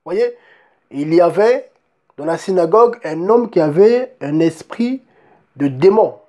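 A man's voice: sits high, expressive, measured pace, warm tone, dull audio. A man preaching a sermon and reading Bible verses, emphatic, often asking his listeners if they see, and restarting words as he goes.

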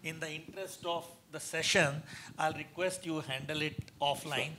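A man's voice: a little high, steady tone, moderate pace, noisy background. A man moderating a panel, politely but firmly steering the discussion back on topic. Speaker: session moderator.

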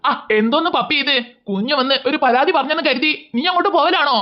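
A woman voicing a calm, sensible young father in a cartoon who talks in a firm, level-headed way. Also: high-pitched, fast, lo-fi sound, close to an everyday voice.

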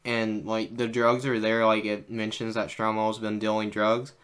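A man's voice: on the low side, moderate pace, smooth. A young man hosting a casual cartoon rewatch podcast, talking loosely with lots of fillers and leading the grading. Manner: relaxed, filler-heavy, leads the grading. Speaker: podcast host. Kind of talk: casual chat.

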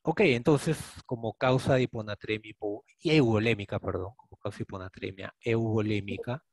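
A man's voice: on the low side, brisk, no room sound. A man with a Peruvian Spanish accent leading a clinical case discussion, reasoning step by step and often checking in with students. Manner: explains step by step, often asks students questions with a rhetorical "¿no?". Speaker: attending physician teaching a case discussion. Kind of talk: clinical teaching, thinking aloud.

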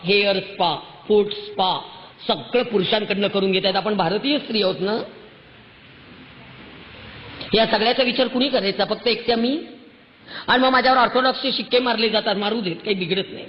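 A woman's voice: mid-range voice, brisk, slight background noise. Impassioned woman scolding in an echoey hall. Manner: scolding, exhorting, rising to near shouts. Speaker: public speaker addressing women. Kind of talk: impassioned public lecture. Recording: echoey hall, muffled sound.

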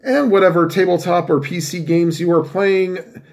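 A man hosting his own channel, signing off to viewers in a relaxed, unhurried way, his voice nasal as he gets over an illness. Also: high-pitched. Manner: relaxed, unhurried, with small restarts. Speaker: channel host. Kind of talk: casual sign-off to viewers.

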